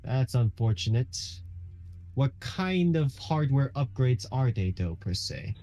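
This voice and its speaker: A man's voice: mid-range voice, big pitch swings, takes it slowly, mellow. A man playing a tabletop game who muses and thinks aloud hesitantly as he plays. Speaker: player. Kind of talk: casual tabletop game play.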